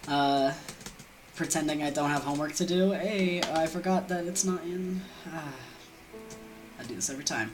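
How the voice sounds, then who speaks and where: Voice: medium pitch, moderate pace, over music. A young adult game streamer and storyteller with a sniffly cold, rambling casually in a scatterbrained, self-deprecating and informal way. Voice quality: congested.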